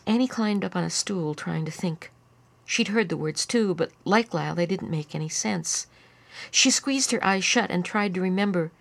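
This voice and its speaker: A woman reading a children's chapter book aloud in an even, soft-spoken voice. Her voice sits low with a gravelly texture. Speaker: narrator. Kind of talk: storybook reading.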